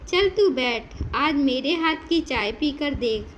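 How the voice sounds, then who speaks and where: A woman's voice: sits high, animated, takes it slowly, slight background noise. A woman voicing a kind, doting older mother-in-law who speaks affectionately and coaxingly in a storybook tale.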